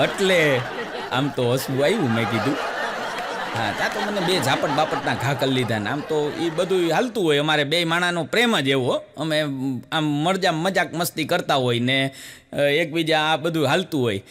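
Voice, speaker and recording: A stand-up comedian with a Gujarati accent tells folksy comic stories at a moderate pace, animated, and jumps to a higher pitch whenever he voices the women in his jokes. The background is noisy.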